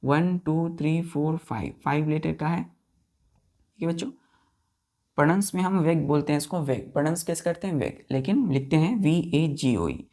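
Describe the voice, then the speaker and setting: During a vocabulary lesson, this female teacher spells words letter by letter and tallies the letters aloud, speaking at a moderate pace in a low, dark voice. She asks the class questions over and over.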